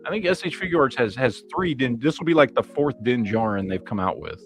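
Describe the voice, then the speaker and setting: A man hosting a casual live stream chat, talking in an animated way with lots of "you know what I mean.". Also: mid-range voice, fairly quick. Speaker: show host. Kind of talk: casual chat about toys and films. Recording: live stream with faint background music.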